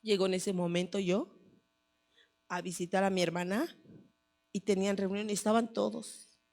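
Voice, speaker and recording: A woman's voice: medium pitch, steady tone, normal speed, darkish tone. A woman, mother of a son, giving a personal testimony at a church service in an earnest storytelling manner, often repeating her phrases. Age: adult, mother of a son.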